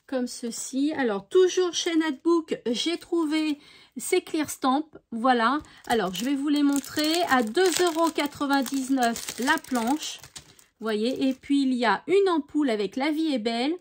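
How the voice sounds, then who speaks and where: A woman with a rather high voice talks casually to her viewers about her craft purchases. She chats along in a homely way, often pausing on little fillers as she goes. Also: a little hiss or hum. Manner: chatty, with frequent hesitations and "voilà". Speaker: craft vlogger. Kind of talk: casual haul show-and-tell.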